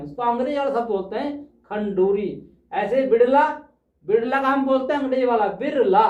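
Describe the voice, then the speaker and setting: A male teacher giving a patient, explanatory lesson, pausing often to check that his students follow and slowly repeating key words. He stands back from the mic, so his voice comes across roomy and a bit dull. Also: sits high, darkish tone, recorded from a distance. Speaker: Hindi teacher.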